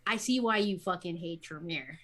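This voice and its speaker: A woman's voice: lowish voice, normal speed, a bit bright. A woman playing a fuming, fiercely loyal vampire warrior in a tabletop game, speaking through gritted teeth. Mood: seething. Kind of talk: tabletop role-play acting.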